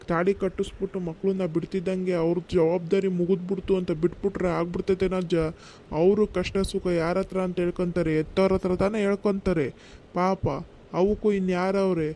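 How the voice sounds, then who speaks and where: Guy doing a chatty village fella in a cartoon, high even voice, faint hiss. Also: natural voice. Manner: coaxing, scolding rural banter. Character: younger village man, caring and chatty.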